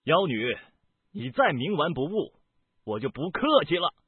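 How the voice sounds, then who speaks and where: A proud young swordsman bellows in a raised, husky voice, sharp and quick with rage, as a man acts him out. The reading sounds dry and tinny, like it comes over a phone line. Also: a little high, sing-song, dry recording, pitched above the performer's own voice, exaggerated voice. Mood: angry, threatening. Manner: loud, angry, fast shouting. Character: proud young righteous swordsman, hot-tempered and furious.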